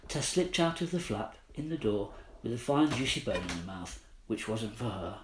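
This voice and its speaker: This man, an author reading his own children's audiobook, tells the story dramatically in a lowish, sing-song voice at a moderate pace. The space is roomy, with faint background noise.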